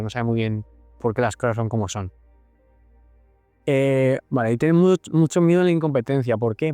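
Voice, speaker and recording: Smooth-voiced man explaining patiently. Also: medium pitch, darkish tone, no echo. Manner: explains patiently with examples and frequent tag questions. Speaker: psychologist, podcast host. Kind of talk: explanatory casual talk.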